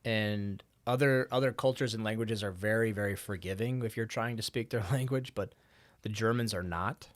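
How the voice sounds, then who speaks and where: Young man, casual podcast talk, animated storyteller, lowish voice, dry close mic. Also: moderate pace, dry recording. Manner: animated storyteller acting out quoted voices, laughs often. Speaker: podcast co-host. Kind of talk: casual conversation.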